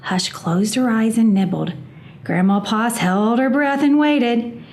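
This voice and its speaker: Slow-paced, higher-voiced woman reading a storybook. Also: darkish tone. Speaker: reading specialist reading to children. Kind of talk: storybook read-aloud.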